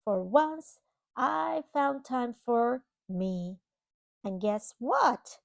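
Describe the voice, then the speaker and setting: A woman reading a children's picture book aloud, expressively, pausing to explain things to young listeners. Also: on the high side, animated, vocal fry, no echo, clean studio sound. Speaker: children's storybook reader. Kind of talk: read-aloud storytelling to young children with simple asides.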